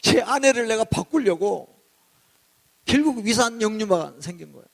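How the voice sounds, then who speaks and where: Guy pastor with a high voice, church revival sermon, emotional testimony, gets loud and shouty. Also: normal speed, vocal fry. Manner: emotional, animated storytelling with shouted outbursts.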